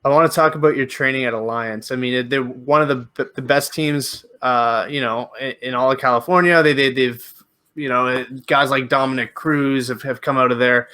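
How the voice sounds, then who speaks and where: A man's voice: medium pitch, fairly even intonation, normal speed, pushed and bright, smooth. A man hosting a podcast, asking long questions with frequent restarts and fillers. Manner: rambling questions with many restarts. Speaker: podcast host. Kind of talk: casual interview.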